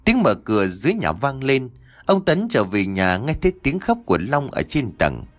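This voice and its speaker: A man reads a ghost story aloud, his pitch rising and falling with lively swings. The sound is dry and close, with no room around it. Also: moderate pace, dry recording. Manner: voices every character in quoted lines. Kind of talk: scripted horror story narration.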